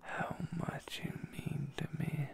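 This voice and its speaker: A man in a whispered role-play as a devoted, tender boyfriend, reading a love letter in a breathy, creaky whisper. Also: slow. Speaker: ASMR boyfriend role-player.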